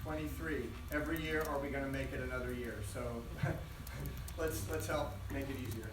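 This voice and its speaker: A man's voice: medium pitch, fairly even intonation, brisk. A man facilitating a live theater event, talking loosely to the audience and correcting himself as he goes. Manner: loose, chatty, self-correcting. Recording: roomy, distant, noisy hall audio.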